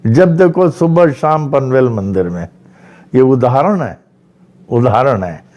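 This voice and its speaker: A man from Maharashtra telling devotional stories in a slow, repetitive way, like a spiritual teacher addressing followers. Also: medium pitch, animated, a little mellow, dull audio. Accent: Maharashtra, India. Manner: slow storytelling with repeated phrases. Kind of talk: devotional discourse.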